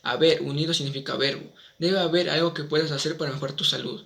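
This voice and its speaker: A man reads out a spelling lesson in a measured way and slows down for the example words. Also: on the high side, steady tone, gravelly, pushed and bright, recorded from a distance, a little hiss or hum. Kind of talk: reading a spelling lesson aloud. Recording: echoey room, voice off-mic.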